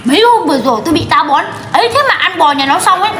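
A woman performing all the parts of a comedy skit with quick, teasing banter. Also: very high-pitched, expressive, roomy sound. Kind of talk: comedy skit role-play. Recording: music playing clearly behind.

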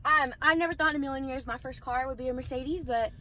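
A woman's voice: high-pitched, quick pace, sharp tone. A woman of about eighteen, chatting casually and sentimentally to her viewers from inside a parked car, filmed on a phone. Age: late teens. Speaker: vlogger. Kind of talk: casual vlog chat. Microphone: phone camera held on the dashboard.

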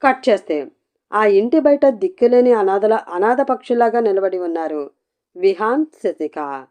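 A woman narrating a scripted story with an even, expressive reading. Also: mid-range voice, a little slow.

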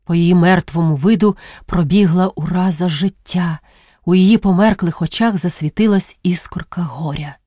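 A woman reading classic literary prose aloud as narrator, measured and expressive, with drawn-out pauses. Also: fairly low pitch, dry recording, studio quality.

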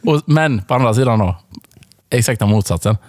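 A man's voice: dry recording, studio quality. A man co-hosting a podcast, telling a story in casual chat and acting out the people in it. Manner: animated storyteller who acts out other people in high voices. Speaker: podcast co-host.

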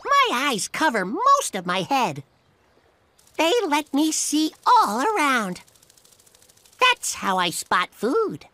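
A woman voicing a friendly dragonfly who explains things simply and deliberately in a children's educational cartoon. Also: high voice, huge pitch swings, pushed and bright, no echo, exaggerated voice. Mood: friendly, informative. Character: bright, friendly, high-voiced dragonfly.

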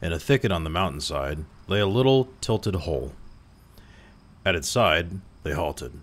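A man calmly reading a classic short story aloud as narrator. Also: low-pitched, normal speed. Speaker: story reader.

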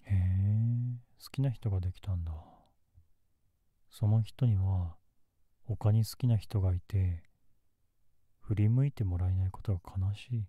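A man playing a gentle, melancholy young man in love, in a soft, intimate ASMR role-play close to the mic. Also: on the low side, unhurried, pauses often, no echo, muffled recording. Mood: tender, sympathetic. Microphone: close ASMR microphone in a dry space.

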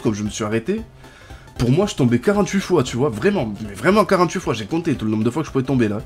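Youtuber dude talking over his game, casual and jokey, mid-pitched, some music in the back. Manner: chatty, bursts into excited shouts and laughs. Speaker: gaming YouTuber. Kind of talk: casual gameplay commentary.

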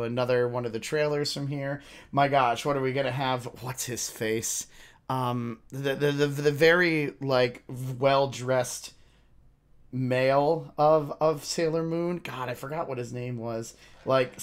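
Male reaction streamer, medium pitch, casual and rambling commentary delivered off the cuff.

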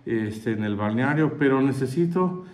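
A man voicing a chatty wife who coaxes her husband over the phone with sweet, quick requests, in a Mexican accent. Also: medium pitch, animated, a little mellow, close to an everyday voice. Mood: coaxing.

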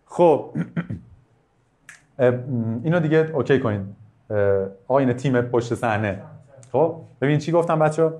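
A male teacher giving a live online biology lesson, asking students questions and praising their answers. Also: medium pitch. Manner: lively, asks students questions, bursts of praise. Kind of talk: live online class lecture.

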